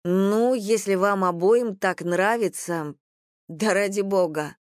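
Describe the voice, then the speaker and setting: A reader voicing a quick-tempered young woman who talks sharply and bluntly. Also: medium pitch, smooth, no echo, studio quality, lightly acted. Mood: fierce. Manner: sharp, forceful.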